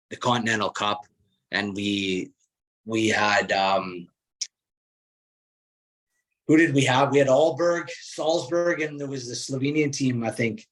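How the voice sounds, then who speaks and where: A man, a former hockey player and coach, chatting casually on a podcast and telling stories with relaxed restarts. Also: mid-range voice. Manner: relaxed storytelling with frequent restarts.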